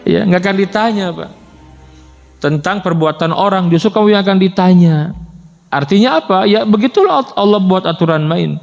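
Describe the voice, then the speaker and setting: A man preaching and telling a story in an animated way, often addressing his listeners directly. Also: on the high side, dull audio. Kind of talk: sermon with storytelling.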